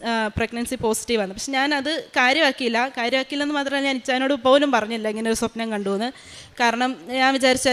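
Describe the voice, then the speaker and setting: A young woman, a maternity nurse, telling a personal faith testimony in quick, earnest storytelling with hesitant fillers. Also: a little high, fairly bright tone, smooth.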